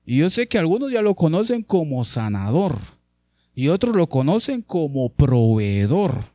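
Male preacher, mellow tone, dry close recording, sermon delivery with sweeping pitch. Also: no room sound. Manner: addresses listeners as brother, lively swings in pitch.

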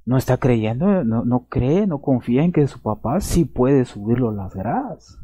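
Warm and expressive, with a breathy edge, this man's mid-range voice moves a little slowly. He's a pastor delivering an earnest sermon in a church or slide-based teaching space, going over points again and ending lines with questions to make sure his listeners follow.

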